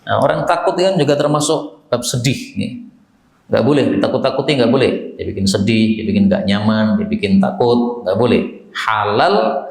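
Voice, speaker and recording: A man's voice: mid-range voice, moderate pace, gravelly, darkish tone. A male Islamic teacher giving a sermon-style religious lesson, explaining Arabic phrases word by word and addressing listeners as sir. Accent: Javanese Indonesian. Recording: echoey hall.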